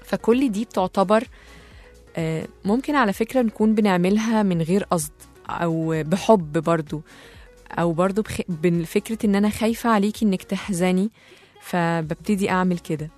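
A woman's voice: fairly low pitch, fairly quick, a little mellow, soft background music. A woman with an Egyptian Arabic accent hosting a talk show monologue and acting out the voices of people who comfort others. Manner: acts out comforting voices in quotes. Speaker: host.

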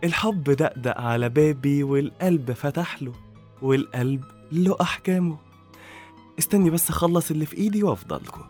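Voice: medium pitch, a little fast, a little mellow, faint music behind, close to an everyday voice. A performer doing a lovesick young man. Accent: Egyptian Arabic. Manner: overly romantic, sugary.

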